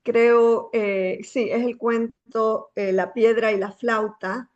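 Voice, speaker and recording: A woman with a Bolivian Spanish accent talks as a guest author. She is reflective and often pauses to search for the right word. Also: on the high side, steady tone, darkish tone, lo-fi sound. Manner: reflective, searching for words, many filler pauses. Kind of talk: thoughtful conversation.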